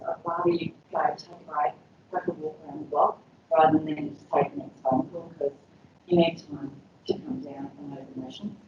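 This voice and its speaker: Captured from afar in a dull, echoey room with slight background noise, this woman speaks in a voice that sits low. She's presenting to health staff in an informal, talkative style, with frequent "um"s and "you know"s.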